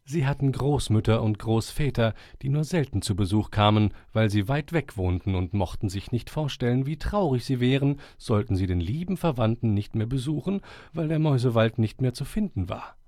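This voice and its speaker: Man reading a children's story aloud, gravelly voice, lively intonation, dry close sound. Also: medium pitch, normal speed, hardly any pauses, dry recording. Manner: calm, expressive narration.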